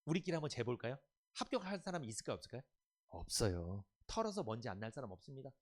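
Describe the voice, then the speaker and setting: A man's voice: mid-range voice, very animated, fast talker. A male pastor giving an emphatic sermon, often putting questions to the congregation and having them repeat phrases. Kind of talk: Sunday afternoon sermon.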